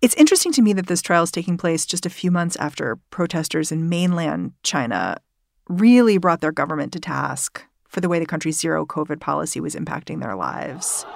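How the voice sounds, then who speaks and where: A woman's voice: low-pitched, expressive, brisk, creaky, no echo, studio quality. A woman hosting a news podcast who asks questions in a casual, curious way. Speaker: podcast host.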